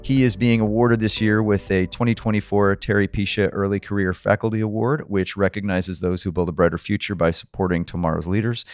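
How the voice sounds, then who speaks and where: A man's voice: on the low side, little pitch movement, a little fast, hardly any pauses, dry recording, clean studio sound, soft background music. A middle-aged man hosting an interview podcast, asking questions in a friendly, upbeat way. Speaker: podcast host, magazine editor. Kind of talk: conversational interview.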